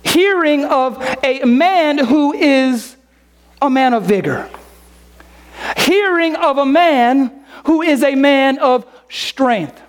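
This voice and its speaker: Slow, emphatic woman preacher. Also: high voice. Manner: slow, emphatic, repeating phrases, rhetorical questions. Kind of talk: sermon.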